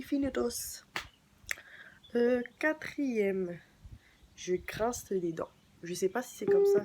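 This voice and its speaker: Playful young woman, chatty vlog. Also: background noise. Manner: chatty and playful, with sudden jumps in pitch. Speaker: vlogger. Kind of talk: casual talk to camera.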